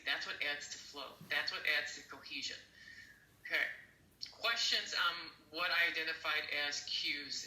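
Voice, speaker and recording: A man teaching an interpreting class online, animated and emphatic, acting out examples as he explains. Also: a little high, reverberant, low-quality recording. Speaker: interpreting instructor.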